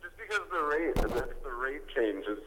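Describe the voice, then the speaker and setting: A man's voice: mid-range voice, sing-song, normal speed, bright, forceful tone, long reverb tail, slight background noise, rough recording. Young man over a phone speaker, rambling. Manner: rambling, lots of "like" and restarts. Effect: heard over a phone speaker. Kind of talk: casual chat.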